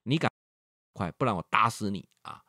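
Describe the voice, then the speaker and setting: A harsh, stern father shouting demands at his teenage son, acted out by a man telling the story. The voice sits low. The sound is dry and close. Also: animated, moderate pace, no room sound, exaggerated voice. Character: angry stern father of a teen boy.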